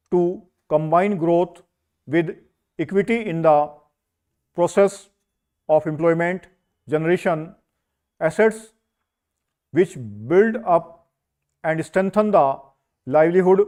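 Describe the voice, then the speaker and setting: A man reads a script as slow school dictation, in short measured phrases with pauses between them. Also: fairly high pitch, darkish tone. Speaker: dictation reader for a stenography skill test.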